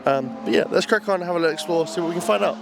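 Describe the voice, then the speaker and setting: A man's voice: sits high, very fast, vocal fry. A young man from the UK casually narrating a travel vlog outdoors, chatty and enthusiastic with a slangy way of talking, recorded on a handheld camera. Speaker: vlogger. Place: outdoors in a city and at a racetrack. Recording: outdoor street noise behind.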